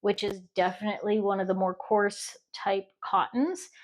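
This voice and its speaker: A woman's voice: mid-range voice, fairly even intonation, normal speed. A middle-aged woman from the United States chatting casually on her crochet vlog, rambling with restarts and fillers. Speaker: crochet vlogger. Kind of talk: casual chat.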